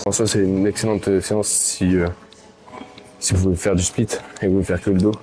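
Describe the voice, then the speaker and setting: A deep, low-pitched man with a Swiss French accent talks through his back workout in a gym, stopping often on fillers. He sounds tired and a little flat. Loud music plays behind him throughout. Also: fairly quick. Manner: hesitant, many fillers, explaining casually. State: low on energy, tired late at night. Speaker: gym vlogger. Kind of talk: casual workout vlog talk.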